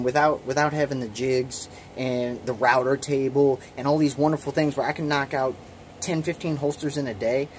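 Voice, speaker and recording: A man's voice: medium pitch, darkish tone, a little hiss or hum. A man in his late twenties casually walking through his home holster workshop, rambling and self-deprecating, with lots of restarts and ums. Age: late 20s. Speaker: hobby kydex holster maker. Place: small home workshop shed. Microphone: phone camera.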